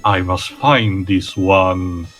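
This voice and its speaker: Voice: deep voice, steady tone, drawn-out words, fairly bright tone, full character voice. A man reading a scheming, commanding villain who hunts treasure, from a video game cutscene.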